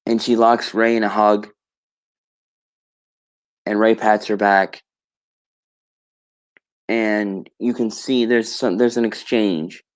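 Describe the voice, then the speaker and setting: A male streamer with a somewhat low voice talks through a story in a loose, casual monologue. He rambles, doubles back on his words and corrects himself, with the odd offhand curse. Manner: rambling, many restarts and self-corrections.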